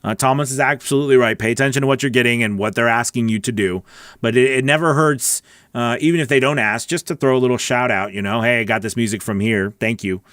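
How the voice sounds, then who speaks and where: Speaking fast in a mid-range, fairly bright voice, this middle-aged voice-over coach rambles informally and warmly while fielding viewer questions on his livestream. He records in a small home studio through a close boom-arm broadcast mic, so the sound is studio quality with no room sound.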